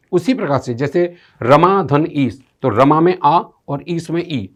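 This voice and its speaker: A man explaining English grammar step by step as a teacher, often asking rhetorical questions and reading out English sentences. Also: fairly high pitch. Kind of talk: classroom-style grammar lesson.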